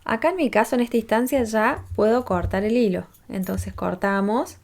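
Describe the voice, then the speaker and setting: A woman's voice: on the high side, moderate pace, gravelly, a little mellow. A woman, patiently teaching a crochet tutorial step by step and checking in with listeners as she counts rows aloud. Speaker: crochet instructor.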